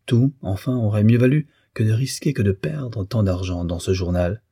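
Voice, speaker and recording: A man narrating a classic novel as an audiobook, in a measured and even delivery. His voice is deep-set and very dark, with a husky grain, recorded dry and close. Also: no room sound. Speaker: audiobook reader.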